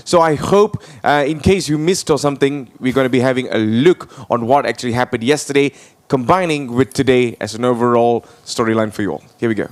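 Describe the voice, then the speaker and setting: A man's voice: medium pitch, fairly quick. A man co-commentating a motor race in a casual, hyped way with hesitant restarts. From Malaysia.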